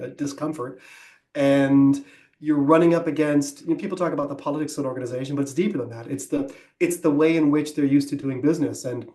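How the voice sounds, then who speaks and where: A man co-hosting a business podcast talks through ideas in a considered, explanatory way. He pauses on "um" and restarts his sentences. His mid-range voice carries a noticeable room echo. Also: mid-range voice, darkish tone. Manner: thoughtful, explanatory, with frequent ums and restarts. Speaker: podcast co-host. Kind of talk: conversational business podcast discussion.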